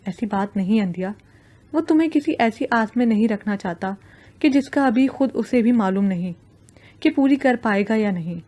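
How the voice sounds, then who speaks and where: A woman voicing a gentle, supportive young male friend who talks in a coaxing, reassuring way. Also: fairly high pitch, expressive, lightly acted.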